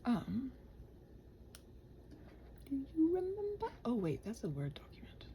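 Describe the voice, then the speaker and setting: A woman who makes ASMR and audio content rambles casually to listeners in a body-doubling chat, muttering to herself, drifting into whispers, and tossing in playful, sarcastic asides. Her voice sits on the high side, with wildly swooping pitch, an unhurried pace, and a dark tone. There is slight background noise.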